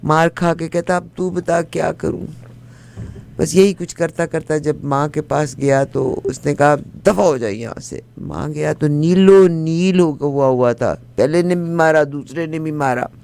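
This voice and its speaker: A Punjabi-accented man speaks in a fairly high, creaky yet clear and resonant voice at a measured pace. He plays a chatty middle-aged woman telling a comic folk tale, narrating with animation and chanting its funny lines again and again.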